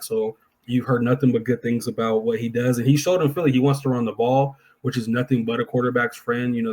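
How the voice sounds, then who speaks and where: A man with an average-pitched voice co-hosts a sports podcast. He gives his analysis informally, in an opinionated, chatty way. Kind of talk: casual sports analysis chat.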